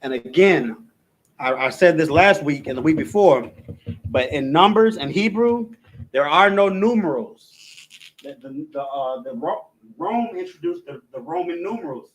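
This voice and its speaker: The speaker is a man with a higher, expressive voice leading a language class. He goes through an alphabet letter by letter, hesitating, restarting, and filling gaps, all captured on a low-quality recording.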